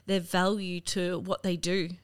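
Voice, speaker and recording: A woman's voice: on the low side, level tone, unhurried, clear, resonant tone. A woman in her thirties hosting an interview, chatting casually and often affirming what her guest says. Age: 30s. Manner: affirming, lots of agreeing interjections. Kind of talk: casual conversation.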